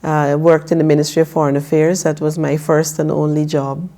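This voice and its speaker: Woman, 50s, from Guyana; low, mellow voice; slow, measured interview answers. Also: flat delivery. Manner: measured, careful, with frequent filler pauses. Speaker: political candidate guest. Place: TV studio.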